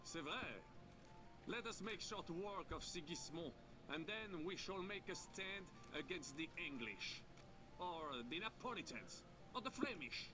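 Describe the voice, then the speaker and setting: Gallant medieval game knight: French accent, high spirited voice, eager for battle, music behind. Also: male voice, animated, unhurried. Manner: courtly, spirited. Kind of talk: video game role-play dialogue.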